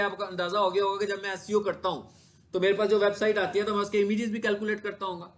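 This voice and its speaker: A man teaches a class while showing his screen. He keeps asking his students questions and answers them himself. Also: high-pitched. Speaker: digital marketing instructor. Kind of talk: classroom lecture with screen demo.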